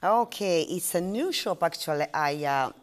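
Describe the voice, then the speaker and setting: A middle-aged woman with a Ugandan accent, chatting as an interview guest, halting with fillers and restarts. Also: on the low side, animated. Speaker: guest, shop owner. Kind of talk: casual interview chat.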